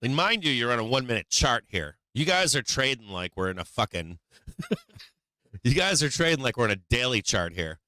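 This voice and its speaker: A man hosting a day-trading livestream in a rambling, profane way, his voice coming through thin and tinny with no bass. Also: sing-song, normal speed, pushed and bright, no room sound. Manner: rambling, profane, loose with fillers. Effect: thin, tinny mic sound with no bass. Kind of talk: casual livestream commentary.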